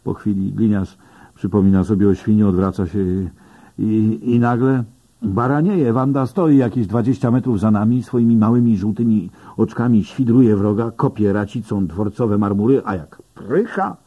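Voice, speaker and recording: A man reading an audiobook in the first person, with lively storytelling narration. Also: on the low side, slightly rough, dull audio. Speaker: audiobook reader.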